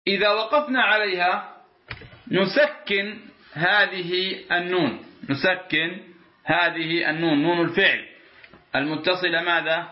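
Man, high voice, recitation teacher, asks and answers his own questions, roomy lo-fi recording. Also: steady tone, unhurried, long pauses. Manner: asks the class "what?" and answers himself; drawls out the words he demonstrates. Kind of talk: explaining a recitation rule line by line. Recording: roomy, dull lo-fi sound.

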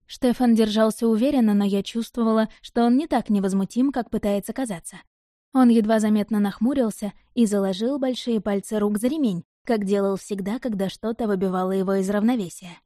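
Mellow woman narrating an audiobook. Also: mid-range voice, a little fast, no echo, studio quality. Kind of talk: scripted first-person narration.

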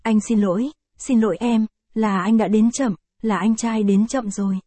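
A woman's voice: medium pitch, fairly even intonation, normal speed, dark tone, no echo, natural voice. A woman voicing an anguished teenage boy who pleads tearfully with his little brother.

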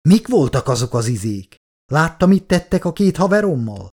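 A man's voice: fairly high pitch, big pitch swings, a little mellow, pitched above the performer's own voice. A man voicing a panicked male mercenary who rants in an agitated voice. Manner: agitated, ranting. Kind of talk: audiobook character voice.

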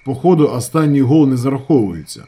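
A man doing a gruff gloomy work foreman. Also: mid-range voice, sing-song, quick pace, dark tone. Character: gloomy gas-worker brigade foreman, rough man.

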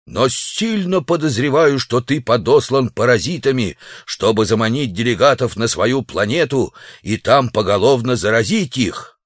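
A brash, self-assured savage, as a male reader plays him speaks in slow, declaiming tones with lively swings of pitch. The voice is recorded close and dry. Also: no room sound, lightly acted. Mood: defiant. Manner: cocky and declaiming. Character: naked, bold sword-wielding savage man.

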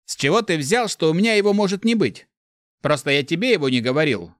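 A man's voice: a little high, animated, fairly quick, dry recording, clean studio sound, voice pushed up, natural voice. A man voicing a cold scornful spirit voice. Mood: cold, irritated. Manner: curt, scornful, snapping. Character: cold irritable disembodied male spirit voice.

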